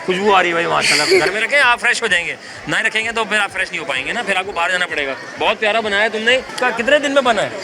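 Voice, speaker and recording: A man's voice: sits high, expressive, a crowd in the background, background noise. A man, a TV host doing jokey street interviews at an outdoor school carnival. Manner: jokey, teasing, quick, lots of banter. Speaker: TV reporter and show host. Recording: loud music behind the voice.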